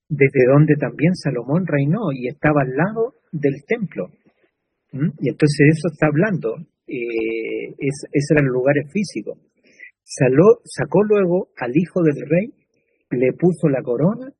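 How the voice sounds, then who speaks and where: A man's voice: mid-range voice, a little mellow, slightly rough, rough recording. A man with a Chilean Spanish accent preaching a sermon in a conversational way, with fillers and tag questions.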